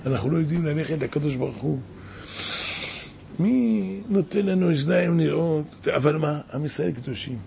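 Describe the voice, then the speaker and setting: A man's voice: on the high side, creaky, warm tone, a little hiss or hum. A man preaching a sermon as a rabbi, impassioned and exclaiming, with many rhetorical questions.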